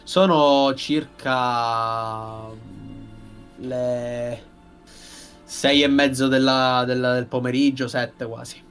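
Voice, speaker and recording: A young man narrating a tabletop game as game master, halting as he searches for words. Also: medium pitch, steady tone, fairly bright tone, soft background music. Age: young adult. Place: indoor room, online group stream.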